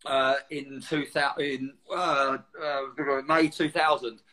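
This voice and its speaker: A former military serviceman in his forties from Essex, England, guests in a casual interview, telling anecdotes in slangy, blokey Essex-accented speech. His medium-pitched voice sounds pushed and bright, slow, with fairly even intonation.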